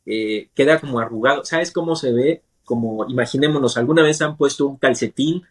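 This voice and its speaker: A male surgeon talks through a medical topic as a guest, keeping it simple and stopping often to check that listeners follow. His voice sits at an ordinary middle pitch with a slightly husky, breathy edge. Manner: patient and teacherly, often checks understanding with a quick question. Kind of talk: explaining medicine in plain terms in an interview.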